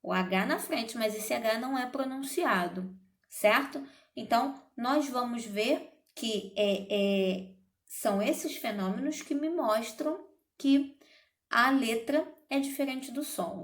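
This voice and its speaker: Woman teacher going slow through a grammar lesson, kinda high voice, lots of "ok?", roomy echo. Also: creaky. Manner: slow, deliberate, checks in with "certo?" and "ok?". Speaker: Portuguese teacher.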